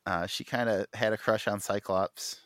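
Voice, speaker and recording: This podcast co-host's lowish, slightly bright voice holds fairly even intonation at normal speed as he enthusiastically chats about comics, full of fillers and restarts. The studio-quality recording has no echo.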